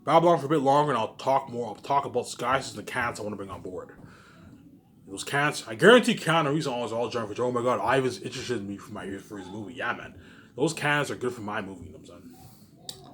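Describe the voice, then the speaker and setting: A man speaking solo on video gives a rambling, informal monologue in an animated, mid-range voice with a fairly bright tone, at a quick pace over slight background noise. He keeps circling back to the same phrases, swears often, and tags extra words onto the ends of his sentences.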